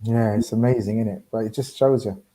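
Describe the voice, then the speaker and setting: A man's voice: fairly low pitch, steady tone, brisk. A man hosting a football watchalong, commentating live and chatting casually, with sweary reactions to the play. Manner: reacts out loud to the match, sweary. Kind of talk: live match commentary mixed with casual chat.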